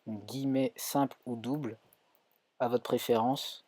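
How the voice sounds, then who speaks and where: A man's voice: medium pitch, steady tone, measured pace, warm tone, dry recording. A man with a French accent teaching a live coding tutorial, thinking aloud with many fillers and self-corrections. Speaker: coding instructor streaming.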